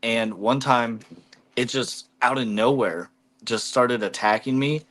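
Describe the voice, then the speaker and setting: A man's voice: medium pitch, measured pace, a bit bright. Rambling, swearing male stream host. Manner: rambling storyteller, swears freely. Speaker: livestream host. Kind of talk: casual chat.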